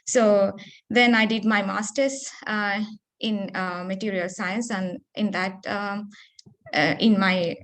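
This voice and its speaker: A woman's voice: mid-range voice, fairly even intonation, slow. A woman in her thirties from Sri Lanka, a postdoctoral researcher answering seminar questions on a video call, hesitant with many fillers and restarts. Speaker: guest speaker, postdoctoral researcher.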